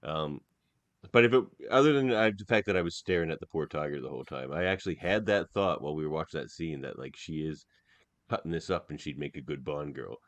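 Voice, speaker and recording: A man's voice: extremely low pitch, brisk, no echo. A man co-hosting a podcast, chatting casually and giving blunt opinions on a film. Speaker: podcast co-host.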